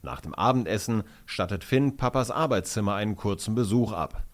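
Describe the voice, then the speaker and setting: A man narrating a children's audiobook in an animated, expressive storytelling manner. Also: on the low side, fairly quick.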